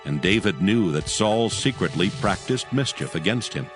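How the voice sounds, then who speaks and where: Guy narrating a bible story, solemn storyteller, fairly low voice, faint music behind. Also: lively intonation, moderate pace. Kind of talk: scripted narration of dramatized scripture. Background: faint background music.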